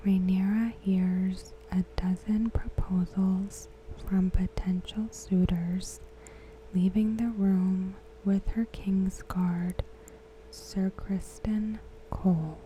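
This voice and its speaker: An ASMR host, a woman with a medium-pitched voice, reads aloud softly in a hushed, breathy whisper, using short phrases separated by long pauses. The recording is low in quality, with a slight hiss or hum.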